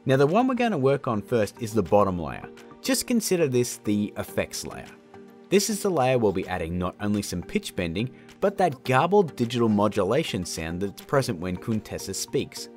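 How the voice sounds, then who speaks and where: Over background music, a man in his thirties hosts an audio effects tutorial, chatting casually and calling his viewers "guys." His voice is lowish and darkish, with big swings in pitch, and he talks at a normal speed.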